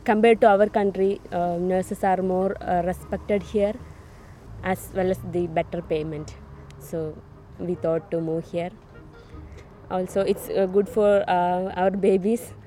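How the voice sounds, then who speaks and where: A nurse from Kerala in India answering interview questions hesitantly, with many pauses and fillers. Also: female voice, on the low side, steady tone, warm tone, slight background noise.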